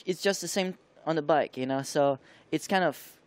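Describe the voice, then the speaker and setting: A young man who grew up in Taiwan, answering studio interview questions as a motocross rider, halting and searching for words with many fillers. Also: on the high side. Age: young adult.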